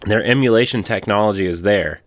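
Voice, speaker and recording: A man's voice: lowish voice, brisk. A man on a podcast panel giving casual opinions, often checking in with little tag questions.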